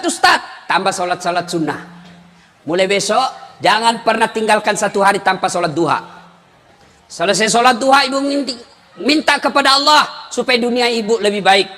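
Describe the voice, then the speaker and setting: A male preacher giving a humorous sermon, joking and often shouting to the congregation. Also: high-pitched, long reverb tail, slight background noise.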